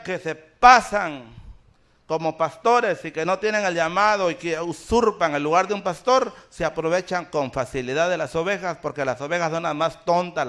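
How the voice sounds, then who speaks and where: A man's voice: high-pitched, fairly bright tone. A man. He throws rhetorical questions at the congregation and stacks repeated phrases. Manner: preaching with rising intensity, rhetorical questions to the congregation. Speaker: pastor. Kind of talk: sermon. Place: church.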